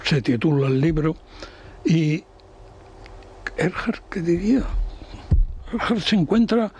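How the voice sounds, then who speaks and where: An older man with a Spanish accent, an economics commentator on a radio panel, talking in a slow, halting, professorial way with many restarts. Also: fairly high pitch, lively intonation, darkish tone, a little hiss or hum.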